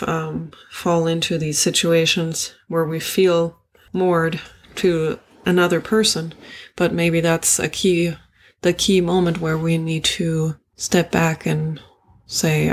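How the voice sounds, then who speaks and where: A woman who grew up in Germany, co-hosting a casual book discussion in a soft-spoken, thoughtful way. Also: low-pitched, gravelly, slightly rough. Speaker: podcast co-host.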